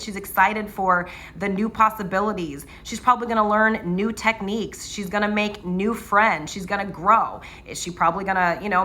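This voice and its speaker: Bright-voiced woman giving animated advice. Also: mid-range voice. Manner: animated storytelling, frequent fillers and "right?". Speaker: nurse anesthetist and channel host. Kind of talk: casual motivational talk to students.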